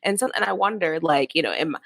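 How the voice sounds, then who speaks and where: A woman from Philadelphia talks in a somewhat low voice on a dry, close recording. She co-hosts a casual podcast chat, frank and rambling, with plenty of "like" fillers. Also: animated, fast, gravelly, fairly bright tone, no echo. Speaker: podcast co-host. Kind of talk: casual discussion.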